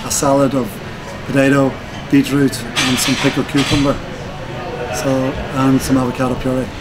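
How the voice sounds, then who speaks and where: A man's voice: medium pitch, level tone, normal speed, a loud crowd, low-quality recording. A man, a chef and restaurant owner raised in Donegal, explaining his dish in an easy, enthusiastic way. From born in Dublin, raised in Donegal, Ireland. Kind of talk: casual interview. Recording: clear background noise.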